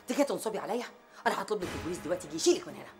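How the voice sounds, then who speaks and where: Actress as a haughty, shouting Egyptian lady. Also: fairly low pitch, expressive, rapid-fire, over music, lightly acted. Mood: angry. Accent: Egyptian Arabic. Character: haughty upper-class Egyptian housewife, woman, middle-aged. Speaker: well-off lady of the house. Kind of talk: TV drama acting.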